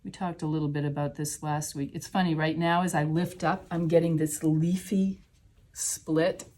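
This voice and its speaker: A woman's voice: deep voice, flat delivery, normal speed, mellow. A woman teaching a watercolor class, talking through each step as she paints. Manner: chatty, explains steps while painting. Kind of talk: live class demonstration.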